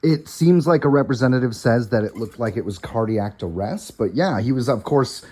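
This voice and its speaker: The podcast host has a warm, husky, mid-range voice that's expressive and moves at a normal pace. He's on vacation, chatting informally from a hotel room, calling his listeners "guys" as he casually runs through news updates.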